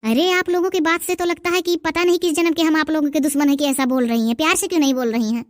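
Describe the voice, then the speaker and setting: A woman's voice: high voice, fairly even intonation, fast talker, no echo, clean studio sound, lightly acted. A woman voicing an impatient young shopkeeper in a cartoon, curt and mocking with her customers. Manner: curt, mocking, standard Hindi speech. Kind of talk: cartoon dub voice acting.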